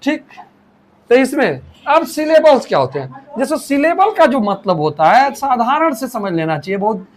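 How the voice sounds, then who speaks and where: A male teacher explaining grammar with a lively, rising and falling voice. He circles back, repeats phrases and restarts sentences. He slows right down to dictate sentences and sound out each part of a word. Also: extremely high pitch, a little hiss or hum. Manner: repeats and restarts, slowly spells out words and dictates English sentences. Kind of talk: classroom grammar lesson.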